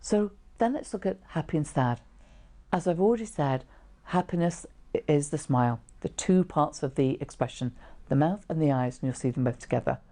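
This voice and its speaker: A woman's voice: deep voice, animated, moderate pace, dark tone. A middle-aged woman presenting an informal lesson to camera, explaining things in a conversational way. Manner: explanatory, conversational, with short illustrative asides. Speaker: trainer teaching how to read facial expressions. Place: small indoor room, seated.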